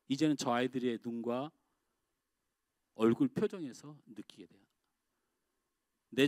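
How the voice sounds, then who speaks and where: A middle-aged man preaching a sermon as pastor in a church. He swings from loud, emphatic outbursts to quiet, confiding asides. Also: mid-range voice, dry recording, clean studio sound. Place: church sanctuary.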